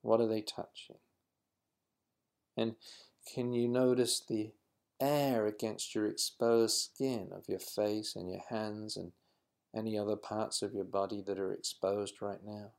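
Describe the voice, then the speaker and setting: A man leading a guided mindfulness exercise in a slow, calm, instructive manner. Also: on the low side, creaky. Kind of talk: guided meditation.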